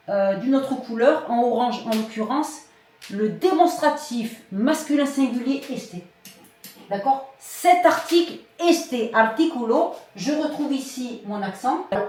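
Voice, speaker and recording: A woman's voice: a little high, darkish tone, recorded from a distance. A woman teaching a grammar lesson in a patient, didactic way, repeating key phrases and checking understanding. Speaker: Spanish teacher. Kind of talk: classroom lesson explaining grammar. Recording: very echoey room, voice off-mic.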